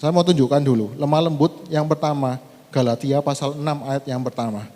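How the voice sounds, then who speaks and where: A man preaching a sermon in a conversational style, mixing casual slang with scripture readings and animated emphasis. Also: medium pitch, a little fast. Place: church sanctuary. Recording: church hall reverb.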